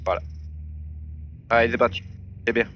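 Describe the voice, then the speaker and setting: A man's voice: mid-range voice, fairly even intonation, normal speed. A male flight instructor coaching casually over a pilot headset with short informal prompts. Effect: heard over a pilot headset intercom. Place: small plane cockpit. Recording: muffled headset audio, loud engine noise.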